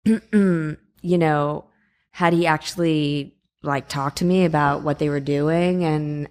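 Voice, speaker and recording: A woman with a very low voice speaks as a podcast guest. She talks casually and hesitates often, filling pauses as she gathers her thoughts. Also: a little mellow, smooth. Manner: hesitant, many ums and you-knows. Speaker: guest, in-house writer. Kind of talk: casual chat.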